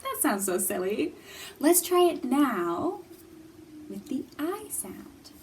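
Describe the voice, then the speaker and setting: A woman with a high, slightly mellow voice hosts a children's storytime and singalong in a public library room, very animated yet taking her time. Playful and encouraging, she explains things simply for young kids. The recording has a distant mic and room noise.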